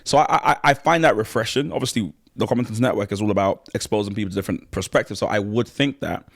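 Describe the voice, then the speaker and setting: A man hosting a casual podcast, talking in an animated way and laughing often, sometimes while eating. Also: lowish voice, quick pace, gravelly, no echo, studio quality. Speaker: podcast host.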